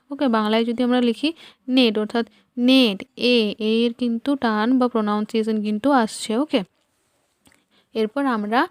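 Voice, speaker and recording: A woman's voice: on the high side, darkish tone, dry recording, clean studio sound. A woman English teacher giving a patient spoken lecture, spelling words out letter by letter.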